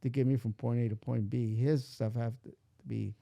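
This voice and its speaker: Gravelly older man telling a story. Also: mid-range voice, fairly even intonation, moderate pace, warm tone. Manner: rambling, acts out quoted dialogue. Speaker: father being interviewed. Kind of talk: casual storytelling.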